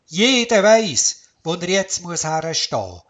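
A man with a Swiss German accent voicing an excitable little forest creature who leads the others, shouting urgently. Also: high-pitched, unhurried, pitched above the performer's own voice. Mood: commanding.

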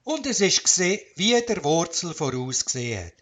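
A man with a Swiss German accent narrating a children's storybook in a calm, measured way. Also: fairly high pitch.

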